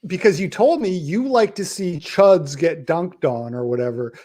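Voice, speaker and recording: A man with a somewhat high voice and a dry, echo-free sound argues in an online debate. He is insistent and combative, repeating himself to push his point. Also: animated, normal speed, a little mellow. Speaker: debate participant. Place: online voice call.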